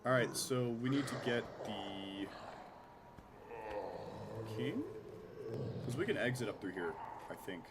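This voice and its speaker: A man's voice: mid-range voice, expressive, slow pace, long pauses. A man streaming a game with casual live commentary, chatty and self-mocking with some swearing, his voice nasal and his throat scratchy from a cold.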